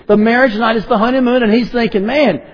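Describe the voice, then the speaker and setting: A man's voice: very high voice, steady tone, fast talker, muffled recording. A man preaching a sermon to a congregation, asking rhetorical questions and prompting his listeners to respond.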